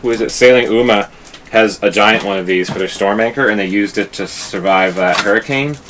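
A man in his thirties chatting casually while filming on a sailboat, relaxed, with lots of fillers. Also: on the low side, a little fast. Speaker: sailing vlogger. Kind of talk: casual chat. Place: outdoors on a sailboat. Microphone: action camera on the boat. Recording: loud wind and water noise. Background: wind and water.

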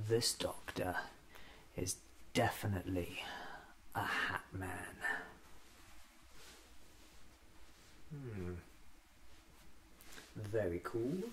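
Man playing the Doctor, slow, musing ASMR eccentric. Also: on the low side, fairly bright tone, a little hiss or hum. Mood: playful, vain. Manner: whimsical, musing aloud, unhurried. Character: eccentric time-travelling alien doctor, playful and vain. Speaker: ASMR roleplay performer. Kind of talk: ASMR roleplay, soft-spoken with whispering.

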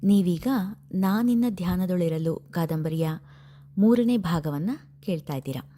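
A woman host reading a serialized novel aloud in a calm, expressive narration. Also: lowish voice, unhurried. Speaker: storyteller host.

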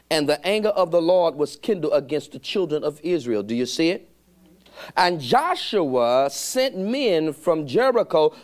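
A middle-aged man preaching a sermon as pastor to his congregation, drawing out emphatic phrases and asking them to answer back. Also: high-pitched. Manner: call-and-response preaching, drawn-out emphatic phrases. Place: church sanctuary with congregation.

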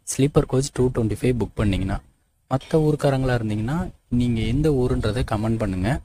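Man, 30s, from Tamil Nadu, travel vlog voice-over, practical and direct, rapid delivery. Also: mid-range voice, mellow, slight background noise. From Tamil Nadu, India. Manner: practical, matter-of-fact, addresses viewers directly. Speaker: travel vlogger.

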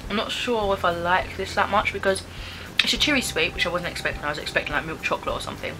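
A woman's voice: fairly low pitch, lively intonation, fast talker, noisy background. A British woman in her twenties giving casual, chatty taste-test commentary, thinking aloud with some hesitation. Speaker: vlogger reviewing snacks. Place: small bedroom, indoors.

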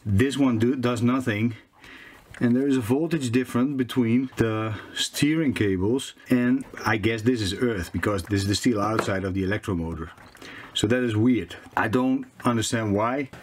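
Dutch man, halting English, noisy recording. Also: medium pitch. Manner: halting non-native English, searching for words as if translating. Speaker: sailing vlogger. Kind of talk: casual DIY repair explanation. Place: small boat cabin interior.

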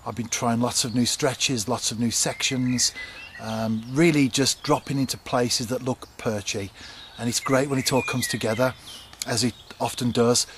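A middle-aged man casually explaining his fishing to a handheld camcorder outdoors on a canal bank, relaxed and chatty with frequent ums. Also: mid-range voice, moderate pace. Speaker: angler vlogger. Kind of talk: casual fishing vlog to camera. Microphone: camcorder at arm's length. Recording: outdoor camcorder with clear background noise.

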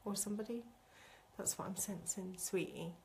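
A woman working as a psychic medium, giving a chatty, excitable spirit reading on a live stream and calling her viewers sweetie. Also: mid-range voice, normal speed, vocal fry, slight background noise.

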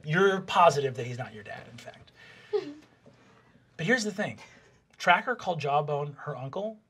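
A man in his thirties running a tabletop game from a studio table as game master, playful, with hushed asides. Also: a little high, expressive, normal speed, husky. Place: tabletop game studio with a large miniature set.

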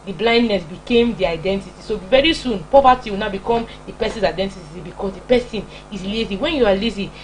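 A young Nigerian woman, a preacher and broadcast host, gives an informal motivational sermon with a Nigerian accent, emphatic, repetitive and scolding. She talks fast with few pauses in a medium-pitched voice. Audio is poor, with clear hum and noise in a small, home-style indoor studio.

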